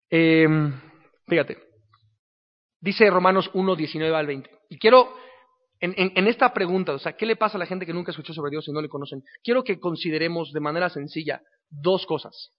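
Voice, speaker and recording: A man's voice: a little high, moderate pace, long pauses. A man giving a casual teaching sermon, talking to the listener conversationally and often checking in with questions. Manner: conversational, keeps asking the listener "¿no?". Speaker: preacher. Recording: dull sound with long reverb.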